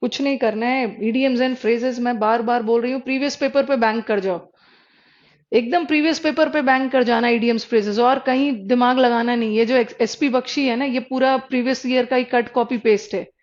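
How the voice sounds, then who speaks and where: A woman teaching an exam-prep English class, sounding out letters and words slowly to explain pronunciation while mixing Hindi and English. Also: fairly high pitch, fairly even intonation. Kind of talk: classroom lecture. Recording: dull lo-fi recording.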